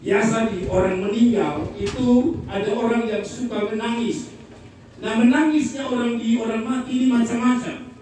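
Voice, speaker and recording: A male pastor, telling jokes in a lively sermon and asking the congregation for amens. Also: extremely high pitch, moderate pace. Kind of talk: humorous Christmas sermon. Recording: echoey hall from far off, noisy.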